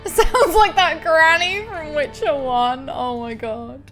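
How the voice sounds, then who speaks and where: A woman's voice: sits high, takes it slowly, a bit bright, faint music behind. A woman hosting a gaming video, chatting casually and informally as she plays. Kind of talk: casual chat while playing a game.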